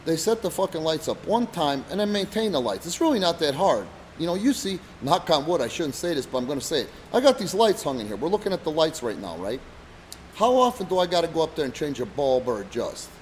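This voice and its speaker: A man's voice: fairly high pitch, sing-song, fast, darkish tone, slight background noise, poor audio. A middle-aged man co-hosting a casual chat, telling stories in a profane, rambling way. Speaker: podcast co-host, wrestling promoter.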